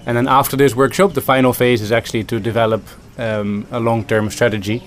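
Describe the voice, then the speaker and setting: Man with a thoughtful, halting manner. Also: medium pitch, level tone. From Netherlands. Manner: thoughtful, many ums and restarts. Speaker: food system consultant. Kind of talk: interview answers.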